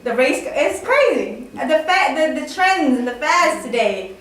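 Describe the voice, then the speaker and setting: Chatty lady host with a high voice, laughs a lot, sounds far off in a really echoey room. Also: lively intonation, a bit bright. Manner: chatty, laughs often, quick asides. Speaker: show host. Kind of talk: casual interview chat.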